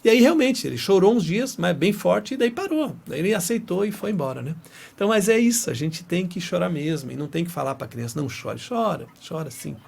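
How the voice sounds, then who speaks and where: This middle-aged Brazilian man, speaking with a Brazilian Portuguese accent, has a high-sitting, sing-song voice that's darkish and breathy with vocal fry, and he talks fast. As a guest in a casual interview, he chats and tells stories, frequently tagging sentences with "né".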